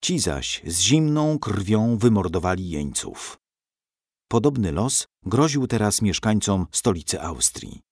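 A man reading a storybook aloud with dramatic, expressive narration. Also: fairly low pitch, husky, dry recording, clean studio sound.

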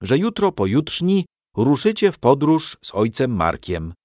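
A man's voice: medium pitch, wildly swooping pitch, a little slow, darkish tone, no echo, studio quality, voice pushed up. A man reading a storybook aloud and voicing a strict male monk teacher who lectures his pupils. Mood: stern.

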